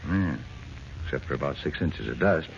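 Gravelly, impatient older boss. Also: male voice, very deep voice, expressive, moderate pace, exaggerated voice. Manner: brusque, blustery. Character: gruff, impatient older male newspaper boss. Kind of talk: 1940s radio acting. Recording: muffled old radio recording, faint noise.

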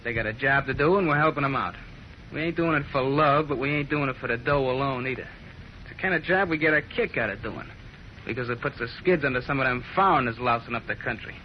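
An actor playing a tough, sly young American gang leader with curt, slangy talk in a 1940s radio drama. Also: male voice, medium pitch, quick pace, lightly acted. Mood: impatient, menacing. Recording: muffled, noisy vintage radio recording.

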